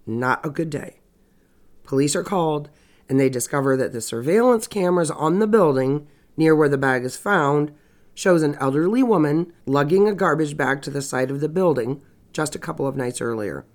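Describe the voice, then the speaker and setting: Speaking at normal speed in a deep voice, this true crime podcast host has a stuffy nose and a scratchy tone. She tells the story casually, with dry, sarcastic remarks along the way.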